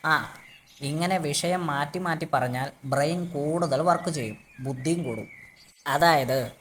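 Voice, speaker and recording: A man's voice: on the high side, unhurried, fairly bright tone, slight background noise. A man voicing a clever male cartoon animal trickster who talks in an instructive, self-assured manner. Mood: knowing, instructive. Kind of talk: cartoon voice acting.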